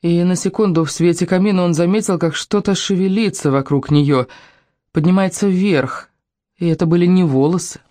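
An audiobook narrator reading a fantasy story in a steady, measured way. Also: medium pitch, no echo, clean studio sound.

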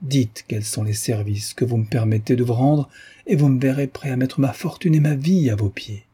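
A man reading the part of a pushy young gentleman pleading his love in a flowery, ardent way. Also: mid-range voice, moderate pace, slightly rough.

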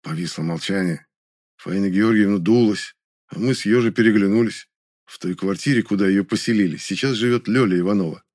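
A man reading a first-person story as an audiobook narrator, in an even, dry manner. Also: fairly low pitch, a little fast.

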